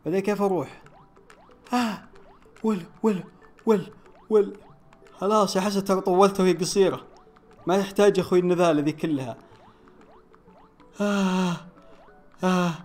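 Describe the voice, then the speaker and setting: A young man, playing a platform game on his channel and commenting casually, groaning and shouting as he plays. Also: high-pitched. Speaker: gaming YouTuber.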